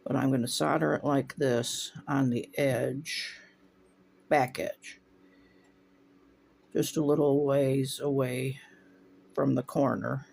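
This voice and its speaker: With a medium-pitched, gravelly voice, this stained glass instructor from Northwest Ohio moves at a slow pace and pauses often. He demonstrates glasswork casually in his home studio with open windows, talking while he works and thinking aloud, his runny nose making his voice falter briefly.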